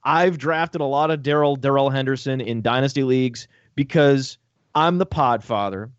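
A man talking fantasy football on a casual sports podcast, excitable and joking, with profane rapid asides. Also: medium pitch, dry recording. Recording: dull lo-fi dry audio.

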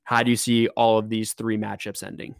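Excitable man hosting a sports chat. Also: lowish voice, gravelly, clear, resonant tone, dry recording, clean studio sound. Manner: excitable, quick to joke. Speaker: podcast host.

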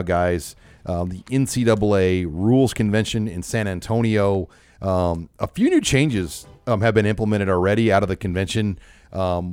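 A man's voice: on the low side, darkish tone, dry recording, studio quality. A man hosting a sports podcast, chatting casually with laughs along the way. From Nebraska. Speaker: podcast host.

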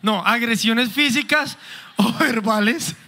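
A man preaching to a church congregation, animated and joking, acting out quick examples. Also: extremely high pitch. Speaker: pastor. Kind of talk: sermon with playful banter.

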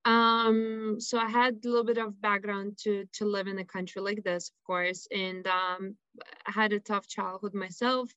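A woman from Lithuania with a Lithuanian accent, a guest telling her life story on a radio show in earnest, halting English. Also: medium pitch, level tone, pushed and bright, clear, resonant tone, dry recording, muffled recording. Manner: earnest, halting, with frequent fillers. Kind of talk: personal storytelling interview.

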